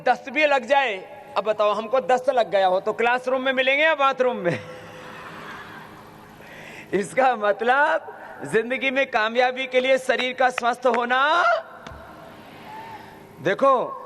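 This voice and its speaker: A man leading a youth camp as a yoga teacher, chanting slowly and correcting the crowd's pronunciation with humorous questions. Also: very high voice, a bit bright, slight background noise. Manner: slow, drawn-out chanting with corrective explanations.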